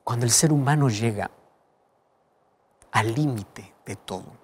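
A man preaching a sermon, swinging between loud exclamations and hushed, whispered lines. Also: medium pitch, unhurried, breathy edge.

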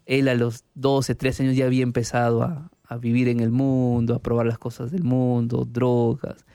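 A man speaking as a pastor, preaching and recounting a story with earnest emphasis. His voice is mellow and warm at a middle pitch. The recording is dry and close. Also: flat delivery, moderate pace, clear, resonant tone, no echo. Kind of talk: preaching testimony.

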